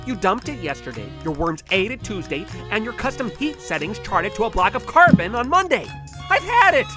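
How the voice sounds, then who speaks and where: Actor doing a fed up fussy scientist, comedy skit, very animated pitch, dry then dramatic, music under it. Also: normal speed, close to an everyday voice. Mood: exasperated. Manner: dramatic, swinging from dry to exasperated. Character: exasperated, fussy lab scientist recounting a disastrous week. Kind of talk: comic dialogue and deadpan statement-giving.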